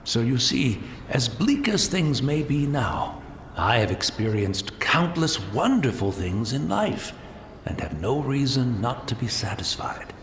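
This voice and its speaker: Humble old blind tea master for a game, formal n gentle manners, very expressive, echoey room. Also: male voice, medium pitch, measured pace. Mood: wistful, resigned. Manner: courteous, wistful, philosophical, formal. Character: serene, humble elderly blind male tea master, retainer. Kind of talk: anime-style video game voice acting. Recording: roomy echo, faint ambient noise.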